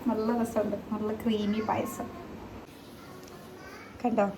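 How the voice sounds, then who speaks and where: A woman's voice: medium pitch, monotone, slow pace, background noise. A woman in her thirties chatting casually to camera at home as a family vlogger, rambling along with many hesitant filler sounds. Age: 30s.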